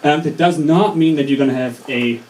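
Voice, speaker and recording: A young man in his twenties with a German accent, a native German speaker doing open mic stand-up with a deadpan, halting, self-deprecating delivery. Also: a little high. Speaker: stand-up comedian. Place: college open mic venue with audience. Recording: roomy, distant, noisy audience recording.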